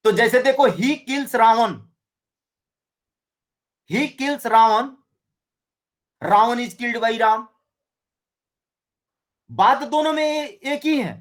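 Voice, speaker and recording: A man teaching a Hindi grammar lesson, explaining slowly and often checking with his students. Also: sits high. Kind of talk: classroom lecture.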